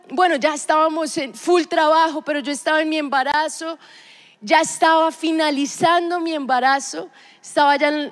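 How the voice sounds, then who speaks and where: A woman in her thirties giving a personal testimony at church, telling it in a lively, expressive way and acting out what people said. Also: high-pitched. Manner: lively, expressive storytelling with acted-out quotes. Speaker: speaker at a church gathering.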